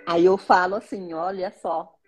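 A pregnant woman in her forties with a Brazilian Portuguese accent, chatting casually in a small bedroom and reading a psalm slowly and earnestly. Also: fairly low pitch, fairly even intonation, faint music behind. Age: 40s. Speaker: vlogger.

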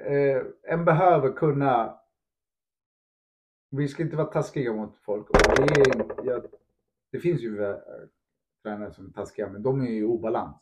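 A man in a casual podcast chat who speaks as a football coach. He talks in an animated way, acts out little quotes, mixes in English phrases and keeps asking if the listener follows. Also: mid-range voice, highs cut off. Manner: asks "förstår du?" often.

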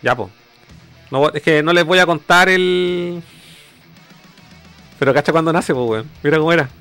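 A man's voice: on the high side, moderate pace, a bit bright, clean tone. A Chilean man co-hosts a stream in a loose, slangy chat. He keeps restarting sentences as he gropes for words. Faint guitar music plays underneath. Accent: Chilean Spanish. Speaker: streamer co-host. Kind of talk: casual chat.

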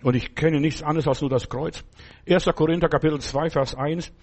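A man's voice: fairly high pitch, steady tone, a little fast. An older man preaching a sermon as pastor, talking conversationally and often turning to the listener with asides.

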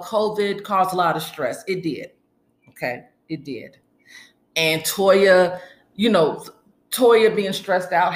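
A woman giving a casual, emphatic recap monologue as a commentator, repeating phrases for stress and acting out quotes as she retells them. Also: sits low. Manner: acts out quoted lines while retelling. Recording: echoey room.

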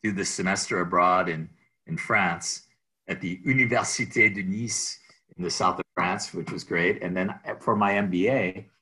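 Deep and steady, his voice moves at a normal speed with a bright, forceful edge. A Greek-speaking middle-aged Minnesotan, he chats casually as an interview guest, wandering through stories with restarts and chuckles.

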